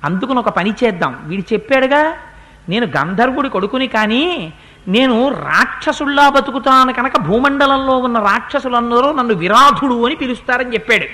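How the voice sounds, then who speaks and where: A man voicing a calm young heroic prince who gives steady instructions to his brother. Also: extremely high pitch, normal speed, long reverb tail, exaggerated voice. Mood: commanding.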